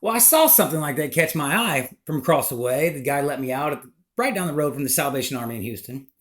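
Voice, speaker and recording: A man recounting a personal life story in a rambling, emotional, animated way. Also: on the high side.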